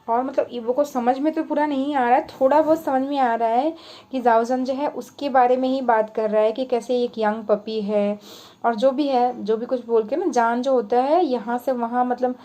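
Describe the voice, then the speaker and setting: A woman's voice: fairly high pitch, warm tone. A woman casually retelling a fan story in a chatty, loose way, full of little filler words. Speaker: fanfiction narrator.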